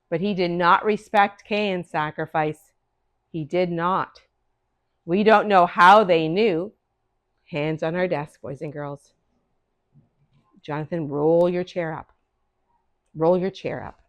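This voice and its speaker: An older woman telling a Bible story to a class of children, animated and speaking to them directly. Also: fairly low pitch, slow, pauses often.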